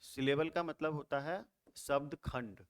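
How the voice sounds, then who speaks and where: Man teaching grammar, slightly higher voice. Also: clean tone. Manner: repeats key terms slowly, asks and answers own questions. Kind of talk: Hindi-English explanatory lecture.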